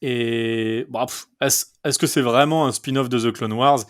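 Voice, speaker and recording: A man's voice: medium pitch, fairly even intonation, a little slow, dry recording, clean studio sound. A man hosting a casual podcast, talking with many hesitant fillers as he eagerly explains. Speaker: podcast host.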